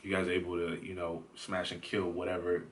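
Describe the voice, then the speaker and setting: A man's voice: sits low, completely flat delivery, a little fast, fairly bright tone. A young man who is a father, chatting casually about parenting in a loose, rambling way with many fillers. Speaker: father, co-host. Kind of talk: casual chat.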